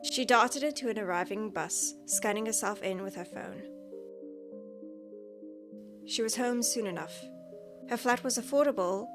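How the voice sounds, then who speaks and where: A woman reading her own novel aloud in a steady, unpolished storytelling voice. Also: medium pitch. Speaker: amateur audiobook reader. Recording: music playing behind the voice. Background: background music.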